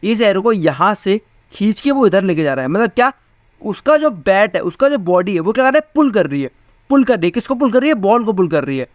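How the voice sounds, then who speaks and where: High-voiced chatty male teacher. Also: expressive, brisk, dry recording, clean studio sound. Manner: chatty, asks students rhetorical questions. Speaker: physics teacher. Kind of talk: casual Hindi class lecture.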